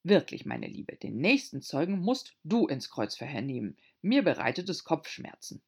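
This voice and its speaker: A woman doing a fussy storybook king, pompous, weary, loud, slow orders. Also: low voice, very animated, exaggerated voice. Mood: commanding. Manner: pompous yet melancholy. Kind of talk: audiobook character voice.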